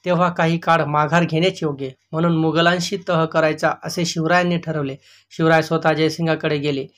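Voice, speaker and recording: Flat-voiced male teacher reading history. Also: a little high. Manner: reads steadily, pausing to point out pictures. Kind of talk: reading a history textbook aloud to children.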